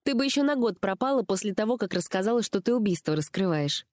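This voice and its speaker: A woman's voice: medium pitch, lively intonation, fast, darkish tone, no echo, pitched above the performer's own voice, natural voice. Chatty nosy young woman friend, teasing, raised voice, dry recording, voiced by a woman.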